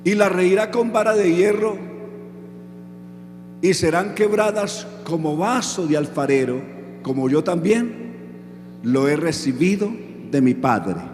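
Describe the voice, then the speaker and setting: A man's voice: high-pitched, expressive, measured pace, pauses often, a little mellow, slight background noise. A man preaching a sermon who keeps asking the audience questions and then answers them himself. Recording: echoey hall with music underneath.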